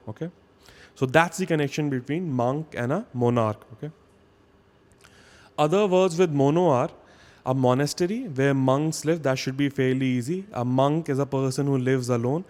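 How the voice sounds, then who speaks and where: Man, vocabulary teacher, mid-range pitch, casual spoken lesson, step-by-step explanations, frequent "okay?" check-ins. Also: a little mellow. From India.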